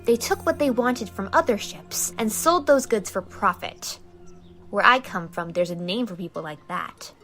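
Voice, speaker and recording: A woman voicing Katara, a determined, sharp-witted teenage female waterbender, in a fan-made animated comic dub, asking pointed, skeptical questions. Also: mid-range voice, normal speed, faint music behind. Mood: knowing.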